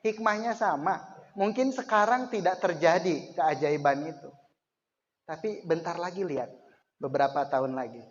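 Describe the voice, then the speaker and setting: A man leads a parenting seminar in a school hall. He talks in a lively, coaxing way and jumps up in force for emphasis. The recording is dull and lo-fi, with a long hall reverb trailing his words. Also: fairly high pitch, moderate pace. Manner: animated, coaxing questions to the audience, bursts of raised emphasis. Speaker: Islamic teacher giving a parenting seminar. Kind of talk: lively seminar talk to mothers.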